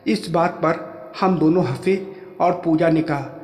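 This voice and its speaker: A man telling a first-person story in plain, steady narration. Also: a little high, measured pace. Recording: echoey room with long reverb.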